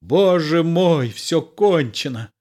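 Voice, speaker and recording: A proud poet-soldier sunk in despair, as a male reader plays him, speaking low and hushed. His lines come slowly and solemnly, in the measured way of a dramatic play reading. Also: expressive.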